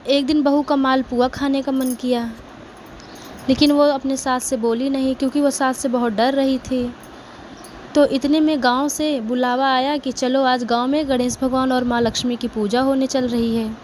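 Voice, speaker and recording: High, even-toned woman telling a devotional tale. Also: unhurried, slight background noise, poor audio. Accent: Awadhi-tinged Hindi. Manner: plain, simple narration. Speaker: storyteller. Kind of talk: devotional folk storytelling.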